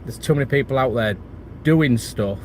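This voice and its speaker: Sick with a cold and a chest infection, this middle-aged property channel host reads out viewer comments during a casual livestream. He speaks at medium pitch and moderate pace with a slightly mellow quality, rambling through plenty of fillers and restarts over faint background noise.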